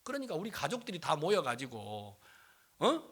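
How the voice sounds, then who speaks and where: A male pastor preaching a sermon, telling a story with animated delivery and acting out the voices of his family. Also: fairly high pitch, fairly quick.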